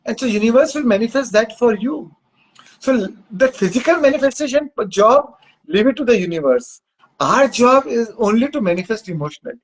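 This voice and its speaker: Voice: mid-range voice, animated, fairly quick. A spiritual coach with an Indian accent, teaching in an emphatic, repetitive way with rhetorical questions.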